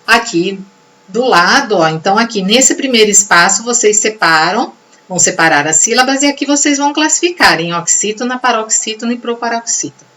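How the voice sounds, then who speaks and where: A woman's voice: fairly high pitch, animated, fairly quick, bright, forceful tone. A woman teacher giving a recorded video lesson, explaining patiently step by step and often checking in with her students. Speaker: Portuguese teacher.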